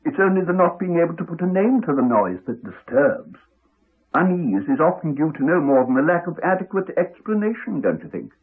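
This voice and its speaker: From a muffled 1980s radio drama comes a crotchety, evasive, yet courteous English village doctor with a voice on the high side. He speaks with dry, formal, measured politeness, his slightly husky tone rising and falling animatedly as he dodges things dryly.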